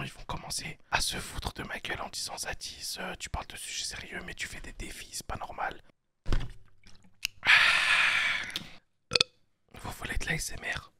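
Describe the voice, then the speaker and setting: A man doing a teasing whispered role-play in ASMR style, speaking in a breathy, unvoiced whisper. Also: bright, forceful tone, lightly acted.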